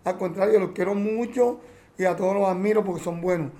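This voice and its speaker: A man's voice: high voice, steady tone, a little fast, dark tone. A man, a champeta singer answering interview questions in an earnest, heartfelt way and often correcting himself.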